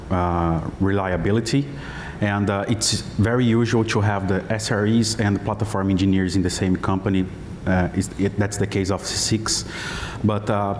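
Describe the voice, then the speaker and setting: Deep flat-voiced man with hesitant speech. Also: a little hiss or hum. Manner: hesitant, many fillers, non-native phrasing. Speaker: head of platform engineering, panelist. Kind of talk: conference panel discussion. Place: conference stage. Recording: hall reverb with faint ambience.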